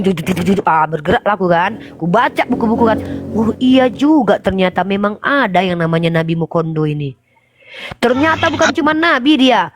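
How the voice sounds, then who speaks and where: A man's voice: high-pitched, a bit bright, a little hiss or hum. A man in a heated online debate, insistent, cutting in and telling stories, close to a dry mic. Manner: insistent, interrupting, storytelling. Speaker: debate participant.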